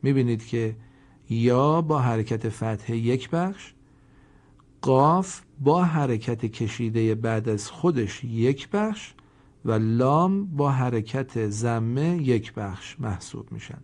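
Mellow-voiced man teaching Quran reading. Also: mid-range voice. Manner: explains briskly, then chants example words slowly and drawn out; asks listeners to repeat after him. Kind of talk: recorded recitation lesson.

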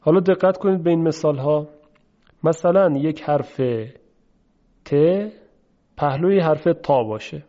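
A male recitation teacher with a fairly high but mellow, soft-edged voice, giving a patient step-by-step pronunciation lesson. He explains calmly and repeats each sound so students can practise. The recording is dull and lo-fi. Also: long pauses.

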